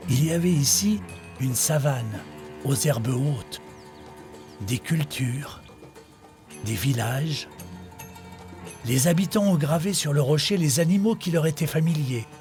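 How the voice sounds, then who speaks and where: A man voicing a dromedary that tells its life story in measured nature documentary narration, scripted and in the first person. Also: fairly high pitch, a little mellow. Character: male dromedary telling its own life in the desert.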